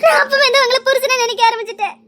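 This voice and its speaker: Brief: a young woman in love, clingy and jealous, crying hard, fast and very high. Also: steady tone, pushed and bright. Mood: tearful pleading. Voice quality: sobbing, half laughing through tears. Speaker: lovesick cousin in a TV serial. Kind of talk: TV serial melodrama.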